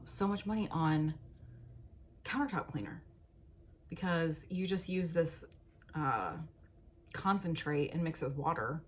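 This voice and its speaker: In a lifestyle vlog, a woman with a low voice rambles casually through money-saving tips, self-deprecating and full of fillers like "like". A little hiss or hum is audible.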